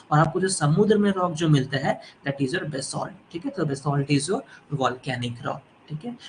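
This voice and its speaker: A man gives an exam-prep geology lecture in a fairly high voice, switching between Hindi and English. He speaks very slowly and stretches out key English terms, checking in with "theek hai" again and again. Faint hiss sits behind his voice. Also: poor audio. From India. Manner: slow, drawn-out English phrases for stressing terms. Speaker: geology teacher.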